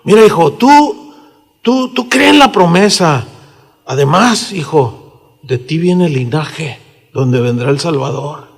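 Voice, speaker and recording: Wise old biblical father, voiced by a Mexican pastor, reassuring tone, high pitch, hall reverb. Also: expressive, takes it slowly, vocal fry, breathy edge, heavily acted.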